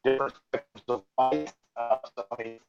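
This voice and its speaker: Male interview guest over a glitchy, cutting-out call line, muffled lo-fi sound, halting delivery. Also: mid-range voice, steady tone, creaky, music in the background. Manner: hesitant, many fillers and restarts. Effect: breaking-up, glitchy call connection. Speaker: guest paranormal investigator. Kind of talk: remote interview chat. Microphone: remote call mic. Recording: dull lo-fi call audio.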